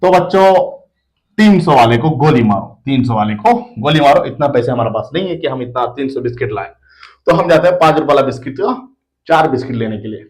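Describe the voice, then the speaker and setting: A man's voice: medium pitch, animated, brisk, rough recording. A man with an Indian accent teaching a maths lesson to children in a playful way, often repeating himself. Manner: playful, addresses children warmly, repeats phrases.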